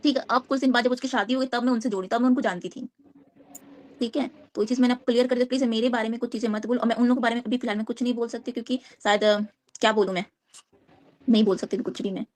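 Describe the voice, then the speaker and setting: Fast, rambling woman guest. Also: on the high side, fairly even intonation, a little mellow. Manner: rambling, repeats herself, defensive. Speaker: guest on a live panel. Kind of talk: live-stream conversation.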